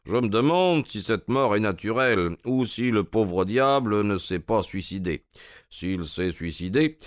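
Man playing a sharp detective, brisk, inquisitive, clear voice, dry audiobook sound. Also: on the low side, no echo. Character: sharp, quick-minded male detective.

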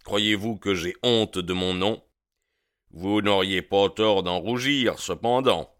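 A man's voice: lowish voice, slow, fairly bright tone, clean tone. A man voicing a defiant, proud young tough in an audiobook. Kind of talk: audiobook character reading.

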